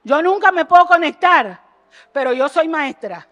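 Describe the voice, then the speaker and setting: A woman preaching an impassioned sermon in a church, jumping between loud exhortation and low earnest asides and firing rhetorical questions at the congregation. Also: lively intonation, moderate pace, dull audio. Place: church sanctuary.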